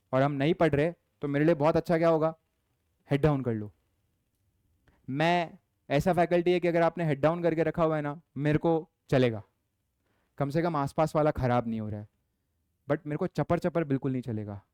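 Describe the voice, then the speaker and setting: A young male commerce lecturer with a smooth, clear voice pitched a little high and a darkish tone mixes Hindi and English as he teaches. He scolds the class firmly and slows down to read exam questions aloud. The sound is dry and close, with no room echo.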